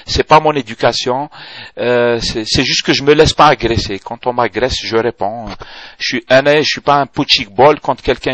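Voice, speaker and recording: A man's voice: mid-range voice, a bit bright, no echo. Defiant man with Algerian accent. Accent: Algerian French. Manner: blunt, defiant, mixes French with Algerian Arabic. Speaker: video blogger. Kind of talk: casual video blog reply.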